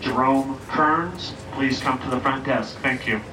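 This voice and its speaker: A man making a polite front desk page over a public address loudspeaker. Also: medium pitch, measured pace, noisy background. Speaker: front desk paging announcer. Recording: echoey loudspeaker heard from far off.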